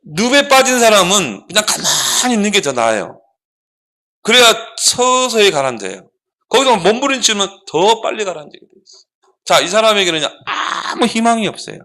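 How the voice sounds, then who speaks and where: A man preaching a children's sermon, animated and asking the children rhetorical questions. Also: sits high, moderate pace. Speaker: pastor.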